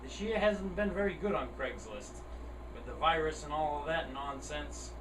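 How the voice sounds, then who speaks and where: This man's voice is fairly high and his pace normal as he rambles in a plain, relaxed way, like a hobby show-and-tell video. You can clearly hear an air conditioner, and the far-off mic picks up lots of room sound.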